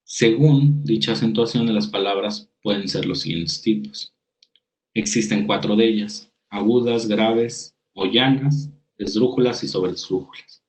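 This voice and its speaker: A man's voice: fairly low pitch, measured pace, a little mellow, rough recording. A man teaching a writing workshop. He reads definitions aloud, then explains them with examples, restarting his sentences now and then. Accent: Mexican Spanish. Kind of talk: spoken lecture over slides.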